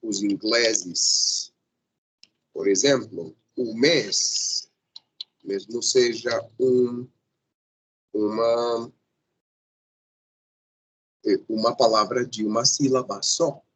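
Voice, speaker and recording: A male teacher giving a grammar lesson, patient and repetitive, often pausing to check that the class follows. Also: mid-range voice, steady tone, a little hiss or hum, poor audio.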